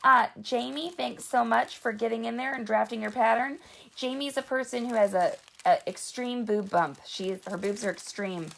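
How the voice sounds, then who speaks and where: A woman hosts a casual live sewing broadcast, her slightly high voice gravelly with fry. She is fighting a chest cold but stays chatty and pokes fun at herself. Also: normal speed, fairly bright tone. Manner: chatty, self-mocking, laughs often. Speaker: sewing show host.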